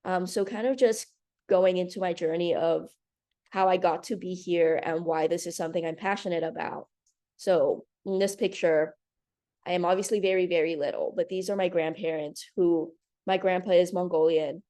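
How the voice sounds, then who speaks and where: Presenting slides over a video call, this new nursing graduate from Hong Kong, in her twenties, sounds earnest but nervous and says um a lot. She speaks at a moderate pace in a fairly low, mellow voice with fairly even intonation.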